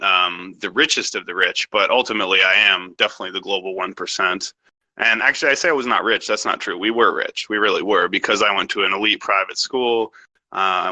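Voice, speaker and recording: Bright, brash young man from Canada. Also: fairly low pitch, low-quality recording. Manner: rambling, profane and self-assured. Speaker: interview guest. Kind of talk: casual podcast interview.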